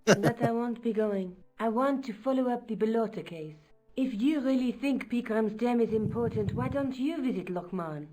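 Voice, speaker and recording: A woman's voice: a little high, lively intonation, normal speed, darkish tone, faint music behind, rough recording. A woman voicing a self-assured young journalist in a video game, dry and matter-of-fact.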